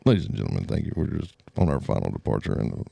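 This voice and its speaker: A man voicing an airline pilot making a calm, measured cabin announcement in a deep, murmured voice. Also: vocal fry, husky, no room sound, full character voice. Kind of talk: casual chat.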